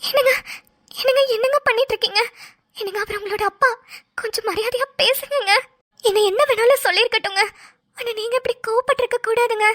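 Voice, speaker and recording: A woman voicing a gentle, timid young bride in a cartoon, who talks softly and pleads politely. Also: very high-pitched, level tone, normal speed, long pauses. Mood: anxious. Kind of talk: cartoon voice acting.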